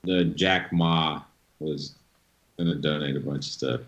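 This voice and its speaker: A man's voice: very deep voice, fairly even intonation, measured pace, a bit bright. A man co-hosting a casual live-stream chat, blunt and swearing freely. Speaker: co-host.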